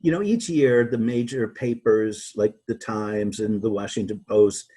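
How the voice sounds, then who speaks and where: Husky guy being interviewed, lots of stops and restarts. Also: lowish voice, warm tone. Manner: halting, many restarts and repeated words. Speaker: interview guest, author. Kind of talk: conversational interview.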